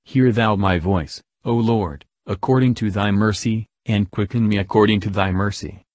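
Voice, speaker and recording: A man reading the Psalms aloud in a measured, solemn, verse-by-verse delivery. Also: lowish voice, a little mellow, no room sound. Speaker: scripture reader.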